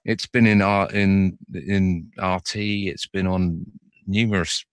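A man hosting a casual chat, self-deprecating and quick to laugh at himself. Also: sits low, fairly even intonation, a crowd in the background.

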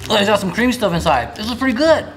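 Young male vlog host, high and very lively voice, chewing and talking with his mouth full of candy, blunt and excitable. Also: fast talker, background noise. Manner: blunt, excitable, talks with the camera. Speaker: channel host. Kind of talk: casual taste-test chat.

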